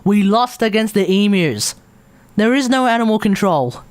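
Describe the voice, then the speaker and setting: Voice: medium pitch, expressive, moderate pace, a little mellow, a little hiss or hum. A game streamer with an Australian accent, chatting casually with blunt, sweary, mocking remarks. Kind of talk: casual livestream commentary.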